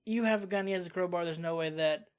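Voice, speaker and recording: A reaction channel host talking casually about a TV episode, expressive and quick to exclaim and sigh. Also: medium pitch, clean tone. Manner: expressive, exclaims and sighs often.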